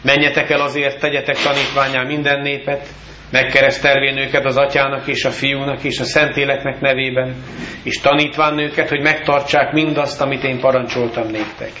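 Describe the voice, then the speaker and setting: A man's voice: mid-range voice, little pitch movement, sharp tone, muffled recording, slight background noise. Solemn man preaching in an echoey church. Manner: solemn, measured preaching with scripture readings. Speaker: pastor. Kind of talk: baptism sermon.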